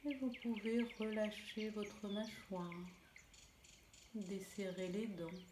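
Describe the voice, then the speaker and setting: A woman leading a guided relaxation in a soothing, gentle, unhurried manner. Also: mid-range voice, fairly even intonation. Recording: roomy echo, clear background noise, birdsong. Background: birdsong and nature ambience.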